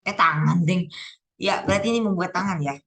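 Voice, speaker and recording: A woman's voice: lowish voice, brisk, vocal fry, fairly bright tone, rough recording. Chatty young woman thinking aloud. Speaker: student going over exam answers. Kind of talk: casual spoken exam walkthrough.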